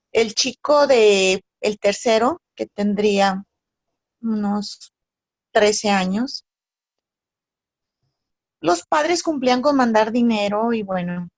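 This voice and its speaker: A woman telling a personal story in a talk on addiction, pausing often between phrases. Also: mid-range voice, no room sound. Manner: halting storyteller with pauses. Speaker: speaker on addictions.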